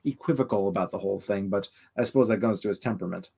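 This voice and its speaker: Low-voiced man discussing a book. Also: very fast, creaky, darkish tone, breathy edge. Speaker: podcast co-host.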